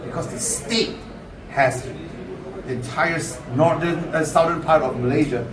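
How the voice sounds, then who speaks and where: A man in his thirties telling a story casually at a sit-down, halting and repeating words as he restarts his sentences. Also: on the high side, distant mic. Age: 30s. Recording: roomy, off-mic, loud crowd chatter.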